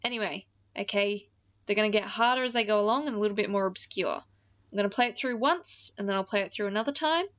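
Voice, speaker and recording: Talking at a quick clip in a medium-pitched, somewhat bright voice, this radio-style podcast host keeps up loose DJ banter, rambling and poking fun at herself. The audio is dry, with no room sound, and dull.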